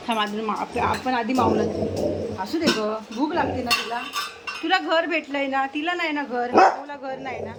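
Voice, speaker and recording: A woman's voice: sits high, moderate pace, very noisy. A woman, talking in affectionate, sing-song baby talk as she feeds her pets and strays, coaxing them and scolding them fondly. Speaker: vlogger feeding pets and strays.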